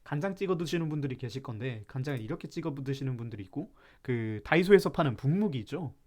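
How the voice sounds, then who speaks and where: Man, from Chungcheong, live stream host, playful mock-serious rant, reads chat, mid-pitched voice. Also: expressive, quick pace, darkish tone. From Chungcheong, South Korea.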